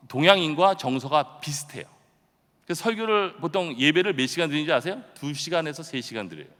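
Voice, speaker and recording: Lively pastor preaching in a reverberant church. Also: male voice, on the high side. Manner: animated storytelling, sudden loud shouted bursts; chatty and self-deprecating with the congregation. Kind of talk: early-morning revival sermon. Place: church sanctuary. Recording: long church-hall reverb.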